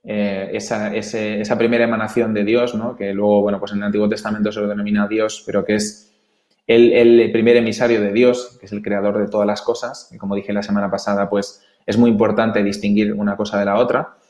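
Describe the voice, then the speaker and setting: Man, Spanish accent, earnest lecturer; lowish voice, reverberant room. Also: little pitch movement, brisk, darkish tone. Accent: Spanish from Spain. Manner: earnest, emphatic, with many restarts and tag questions. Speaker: presenter. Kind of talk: explaining slides to an audience.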